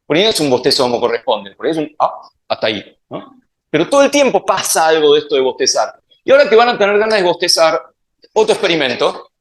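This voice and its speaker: Argentine man, science speaker, fairly high voice that swings widely, playful live talk. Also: big pitch swings, fast. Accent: Argentine Spanish. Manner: playful, quizzes the audience with questions. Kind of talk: public talk to a live audience.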